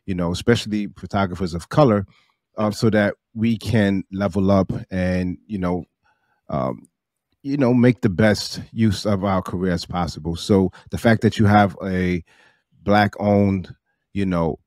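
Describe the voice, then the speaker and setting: A man hosting a podcast interview, measured and sprinkling his talk with "um"s. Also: sits low, darkish tone, no echo, clean studio sound. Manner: measured, many "um"s and backchannels. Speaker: podcast host.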